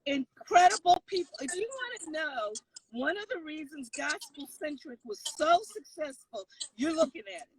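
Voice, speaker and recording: A woman's voice: sits high, animated, moderate pace, recorded from a distance, rough recording. A woman co-hosting a casual livestream chat from a car, out of breath and gushing with enthusiasm. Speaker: co-host.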